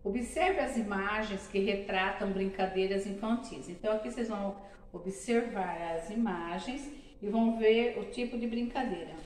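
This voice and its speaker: A woman's voice: mid-range voice, moderate pace, a little mellow, roomy sound, far from the mic, slight background noise, low-quality recording. A woman from Brazil teaching a primary school class, explaining patiently and repeating examples syllable by syllable. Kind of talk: classroom lesson.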